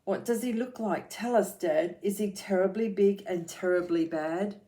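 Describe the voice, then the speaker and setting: A woman voicing the Gruffalo's child, a young female monster who is curious and brave, for a storybook read aloud to children. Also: mid-range voice, moderate pace, mellow, lightly acted. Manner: eager, questioning.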